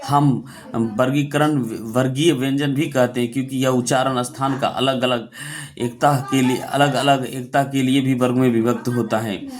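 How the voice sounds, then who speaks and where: Man, teacher, classroom lesson, repetitive quizzing style, mid-pitched voice. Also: flat delivery, normal speed. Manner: repetitive, quizzing questions then answering them.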